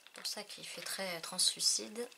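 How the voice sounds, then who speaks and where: A woman's voice: mid-range voice, measured pace, gravelly, sharp tone, slight background noise. A woman vlogger chatting casually through a craft haul, hesitant with many fillers and fumbling English product names. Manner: hesitant, many fillers, thinking aloud while testing. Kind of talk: casual haul video, showing craft inks.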